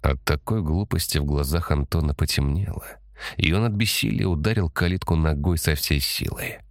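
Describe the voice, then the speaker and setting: A man narrating a story in a steady, measured audiobook reading. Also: a bass voice, no room sound, studio quality.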